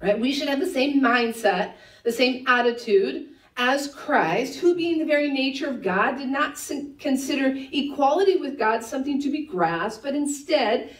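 A woman pastor delivers a lively sermon, her voice rising and falling a lot as she shifts from teasing to earnest. She speaks somewhat high, a little away from the microphone. The church room adds a roomy echo. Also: distant mic. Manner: conversational, teasing asides with quick laughs. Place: church sanctuary. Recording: echoey church room, voice a bit off-mic.

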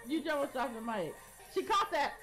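A woman's voice: sits high, big pitch swings, moderate pace. A young woman co-hosting a reaction video, talking in casual slang, laughing and repeating her partner's remarks. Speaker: reaction channel co-host. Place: bedroom with posters on the wall. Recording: music playing loudly behind.

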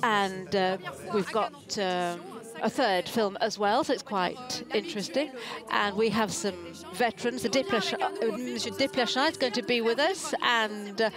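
A woman giving a simultaneous English interpretation of live red-carpet television, in halting phrases with hesitations. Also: medium pitch, music in the background.

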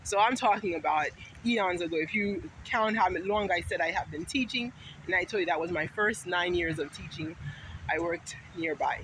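Strolling through a sunny city park, this middle-aged vlogger and teacher from Haiti speaks to camera at normal speed in a lowish, fairly bright voice. She's chatty, rambling and emphatic, recorded noisily on a phone held at arm's length.

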